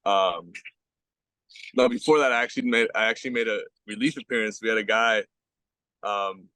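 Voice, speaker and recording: A young man with a lowish voice tells his stories in loose slang, swearing often and filling gaps with "like" and "bro." The sound is close and dry, with no room around it. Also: normal speed, bright, forceful tone, no echo. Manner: slangy, profane storytelling with many fillers. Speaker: guest, baseball pitcher. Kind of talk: casual podcast chat.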